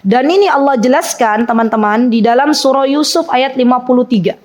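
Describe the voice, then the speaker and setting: High-voiced woman teaching a study circle. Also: fairly quick. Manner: chatty, asks the audience questions, acts out quoted laments. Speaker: Islamic teacher leading a women's study circle. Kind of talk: conversational religious lecture.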